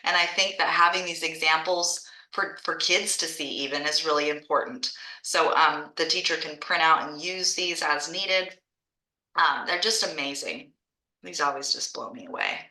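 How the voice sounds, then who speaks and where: Woman presenter, low pitch, very bright and forceful tone, chatty, echoey room on a video call. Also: moderate pace. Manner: chatty, enthusiastic, restarts phrases. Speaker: art school franchise founder and teacher.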